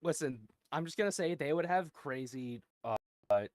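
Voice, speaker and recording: A man's voice: on the high side, expressive, moderate pace, darkish tone, no room sound. A man chatting casually with friends during a game, often restarting his sentences. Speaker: game player. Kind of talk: casual gaming chat.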